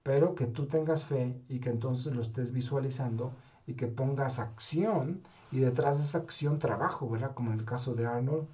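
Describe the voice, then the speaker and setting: A man's voice: mid-range voice, normal speed, few pauses, mellow. A man giving a motivational talk, telling stories with short quoted lines and tagging many sentences with a question. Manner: keeps adding the tag question "¿verdad?"; storytelling with short quoted dialogue. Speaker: motivational speaker.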